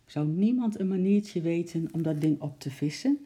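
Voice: mid-range voice, expressive, normal speed, warm tone. A narrator steadily reading a children's story aloud.

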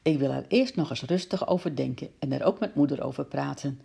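A woman voicing a calm, serious, thoughtful father in a children's storybook, speaking in a measured and earnest way. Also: a bass voice, gravelly, slightly rough, heavily acted.

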